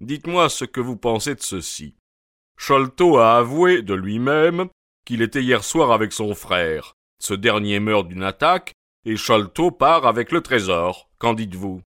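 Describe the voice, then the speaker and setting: Man playing a hoarse, puffing stout police inspector. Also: mid-range voice, lively intonation, a little slow, a bit bright, no room sound, studio quality. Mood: blustering. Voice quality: hoarse, husky voice. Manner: blustering, hemming, condescending. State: breathless.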